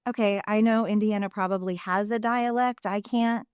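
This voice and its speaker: A woman in her forties, a podcast guest, talking casually and laughing often between quick asides. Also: medium pitch, steady tone, clear, resonant tone, dry recording, studio quality.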